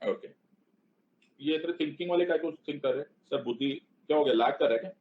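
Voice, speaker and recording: Playful teacher, slightly lo-fi sound. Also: male voice, a little high, fast. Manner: playful, mixes Hindi and English, keeps checking understanding. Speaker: online civics teacher. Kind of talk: live class lecture.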